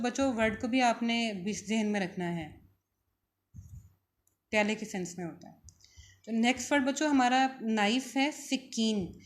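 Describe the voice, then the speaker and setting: A woman with a Pakistani Urdu accent teaching a vocabulary lesson, repeating each word slowly for her students. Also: a little high.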